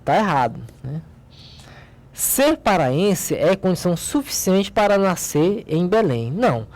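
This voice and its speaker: A woman's voice: on the low side, very animated, a little slow, a little mellow. A Brazilian woman teaching logic, who works through the exercises step by step, pointing things out and asking her own questions before answering them. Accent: Brazilian Portuguese. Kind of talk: recorded logic lesson.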